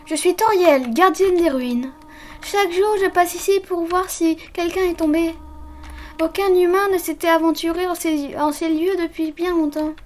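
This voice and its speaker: Toriel, a woman voicing a soft motherly guardian. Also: very high voice, fairly even intonation, normal speed. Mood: gentle. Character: gentle motherly goat-monster guardian, older female. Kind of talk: reading game dialogue aloud in a put-on voice.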